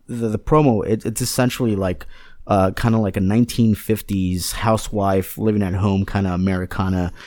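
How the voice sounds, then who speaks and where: A man with a lowish voice talks in a loose, rambling way as a co-host in casual chat. He often restarts his sentences and leans on fillers. The recording is close and dry, with almost no room sound. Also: steady tone, brisk, darkish tone, no echo. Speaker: podcast co-host.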